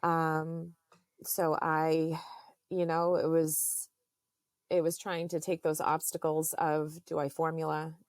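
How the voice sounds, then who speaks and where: Slow-talking woman with a gravelly low voice, earnest and halting, lots of ums. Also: monotone, no room sound, clean studio sound. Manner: halting, with many fillers; earnest and faith-filled. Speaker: podcast guest. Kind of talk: personal storytelling in a podcast interview.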